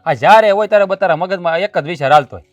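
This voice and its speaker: A harried village husband, played by a man, talking fast and trying to smooth things over. He sits a little back from the mic, with faint music behind him. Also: mid-range voice, no room sound, far from the mic, lo-fi sound, natural voice. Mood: exasperated. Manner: placating, pleading, rising to shouting. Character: village husband torn between wife and widowed sister. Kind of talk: village family drama acting.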